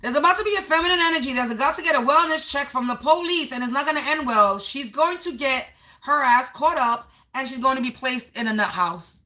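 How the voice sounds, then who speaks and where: A woman with a high, bright voice gives a live psychic reading, describing visions as they arrive in her head. She repeats her phrases and stretches out key words for weight. The voice sits well above most women's and has a sharp, forward edge. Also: expressive. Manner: unscripted, narrating visions as they come; repeats phrases, drawn-out emphasis. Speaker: psychic reader.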